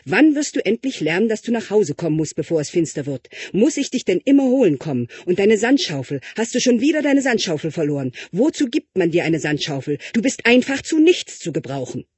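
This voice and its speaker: A man playing an impatient, hectic mother in a storybook tale, scolding loudly in a high, husky voice. Each sentence rises sharply, and the recording is dry and close. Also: big pitch swings, brisk, few pauses, no room sound, full character voice. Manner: loud, scolding.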